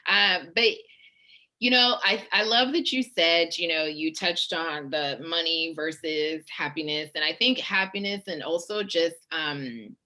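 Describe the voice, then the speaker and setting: A woman hosts a relaxed interview in a bubbly, chatty manner, often breaking into laughter. Her voice sits a little low, and she talks over a video call. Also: a little slow. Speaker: host, fashion stylist. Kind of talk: casual interview hosting.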